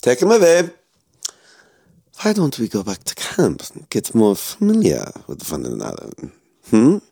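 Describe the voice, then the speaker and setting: A man voicing a sneering male officer villain who taunts in a drawn-out, purring way. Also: medium pitch, huge pitch swings, vocal fry, warm tone, slightly rough, no echo, clean studio sound, heavily acted. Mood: menacing.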